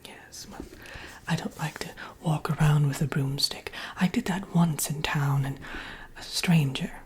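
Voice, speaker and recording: A woman's voice: deep voice, fairly even intonation, exaggerated voice. Woman as whispering, vain Wicked Witch. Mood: chatty, confiding, then dryly amused. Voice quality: breathy, soft-spoken whisper. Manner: unhurried, coy, self-admiring, calls listener dearie. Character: vain, sassy, green-skinned Wicked Witch, condescendingly friendly. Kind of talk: whispered ASMR roleplay.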